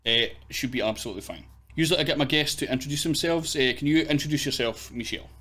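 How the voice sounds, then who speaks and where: A man's voice: mid-range voice, quick pace, a bit bright. A man with a Scottish accent hosting a podcast interview, asking questions in a casual way. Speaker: podcast host.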